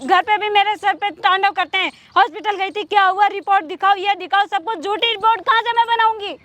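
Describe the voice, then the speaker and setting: A woman's voice: very high voice, steady tone, fairly quick, sharp tone. A young actress playing a newly married woman who pleads to be left alone, in a short-film drama. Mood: pleading. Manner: pleading, protesting.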